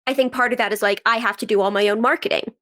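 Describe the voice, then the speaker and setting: A writer and actress guesting on a podcast races through her thoughts in a fairly high, fairly bright, steady voice. The conversation is a casual interview, and she speaks informally and reflectively, explaining things through anecdotes.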